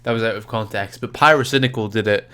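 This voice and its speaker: A man's voice: fairly low pitch, fast, bright, forceful tone. A young man co-hosting a casual podcast, nasal and stuffed up from a cold, rambling and stumbling over his words. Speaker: podcast co-host.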